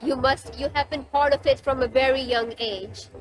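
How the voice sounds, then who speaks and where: A woman's voice: high-pitched, steady tone, moderate pace, poor audio. A woman interviewing a guest, asking curious questions with eager reactions. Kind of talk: casual interview.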